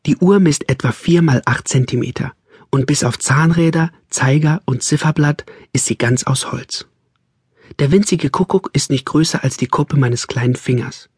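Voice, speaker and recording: Husky male audiobook narrator. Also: a little high, moderate pace, a little mellow, no room sound, studio quality. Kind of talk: scripted narration.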